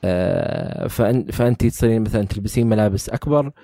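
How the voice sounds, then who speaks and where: Hesitant podcast host with a mellow voice. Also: male voice, on the low side, huge pitch swings, creaky, dry recording. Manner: hesitant, halting, with many restarts and fillers. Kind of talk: interview questions and summaries.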